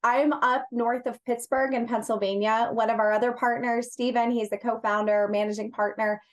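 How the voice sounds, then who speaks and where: A woman, an executive search partner and HR director, answers questions as an interview guest about her work. She speaks earnestly and emphatically, repeating phrases, in a fairly high voice with little pitch movement and a moderate pace.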